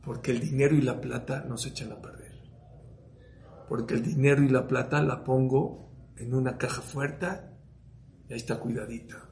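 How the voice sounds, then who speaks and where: A man preaching as a rabbi, swinging from hushed to loud and firing rhetorical questions at his listeners. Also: mid-range voice, fairly even intonation, normal speed, gravelly, pauses often, slight background noise. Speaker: rabbi giving a Torah talk. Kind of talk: sermon to a live audience. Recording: roomy echo.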